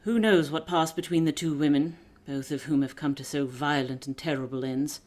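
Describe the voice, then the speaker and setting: A woman playing a shrewd, composed aristocratic lady detective in a period mystery radio drama, measured and authoritative. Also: deep voice, steady tone, darkish tone, close to an everyday voice. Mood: grave. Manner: measured, authoritative, deliberate explaining.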